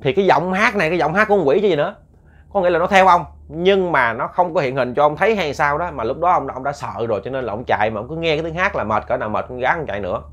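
A man telling a ghost story in a casual, animated way, repeating words for suspense and talking to his listeners. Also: fairly high pitch, fast. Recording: muffled lo-fi recording.

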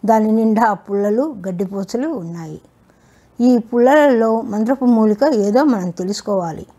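A woman voicing a greedy, hard-hearted male village landlord in a read-aloud story, impatient and given to shouting. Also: fairly high pitch, moderate pace, natural voice. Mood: gleeful. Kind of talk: storybook reading.

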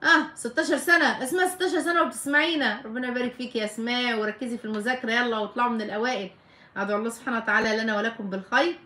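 A middle-aged Egyptian woman hosts a live question-and-answer stream as a family counselor. She talks quickly in a fairly high voice, pressing her points with firm, repeated warnings. The recording has a roomy echo. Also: fairly even intonation, sharp tone. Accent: Egyptian Arabic. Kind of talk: live Q&A chat reading viewer comments.

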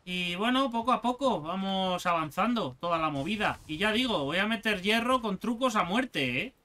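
A man giving casual gameplay commentary, excitable and sarcastic, swearing often. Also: high-pitched, moderate pace. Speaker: gaming youtuber.

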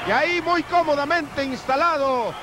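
Very high-pitched Mexican male wrestling commentator. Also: moderate pace. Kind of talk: live lucha libre commentary. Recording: very noisy old TV sports broadcast. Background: loud arena noise.

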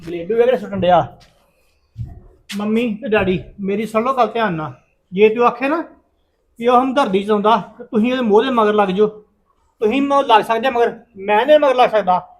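A man's voice: high-pitched, normal speed, natural voice. A man playing a hostile resentful son. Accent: Punjabi. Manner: blunt, demanding.

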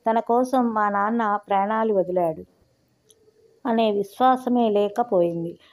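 A woman reading the part of a polite young male graduate in a story, speaking respectfully and softly. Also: mid-range voice, close to an everyday voice. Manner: respectful, soft-spoken.

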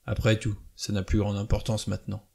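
A man's voice: fairly low pitch, monotone, brisk, vocal fry, a little mellow. A man voicing Blore, a blunt and defensive former policeman, in an audiobook reading. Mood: grudging.

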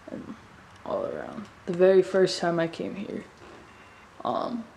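A woman's voice: fairly low pitch, vocal fry, poor audio. A young woman vlogging as she explores an abandoned amusement park, chatting casually and trailing off with fillers, recorded on a handheld camera. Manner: chatty, filler-heavy, hushed asides. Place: abandoned amusement park, indoors and outdoors in woods. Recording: handheld camera with loud background noise.

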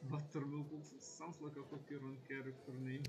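A man's voice: mid-range voice, little pitch movement, fairly quick, low-quality recording. A man casually commenting on a game as he plays, laid-back and swearing now and then. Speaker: game streamer. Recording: loud background noise.

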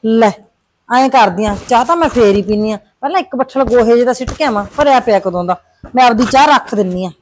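A woman's voice: on the high side, expressive, fast talker, a little mellow, slight background noise, natural voice. A woman playing a village headman's worried wife, with a Punjabi accent, complaining about her husband. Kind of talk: village comedy drama.

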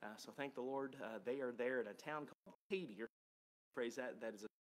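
A man's voice: medium pitch, quick pace. A man, a pastor chatting casually with his congregation and laughing often. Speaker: pastor leading praise time. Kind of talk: casual church talk with congregation.

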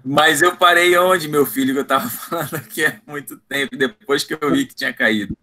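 Bright, informal Northeastern Brazilian guest speaker in his thirties, on a video call. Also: a little high, a little fast. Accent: Northeastern Brazilian Portuguese. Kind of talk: casual chat.

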